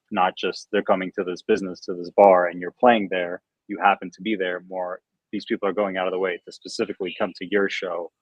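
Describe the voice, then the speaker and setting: A young American man with a low voice, a guest DJ and producer, chats casually on a livestream video call. He is relaxed and rambling, heavy on fillers, and the lo-fi sound is dull and dry with no room sound.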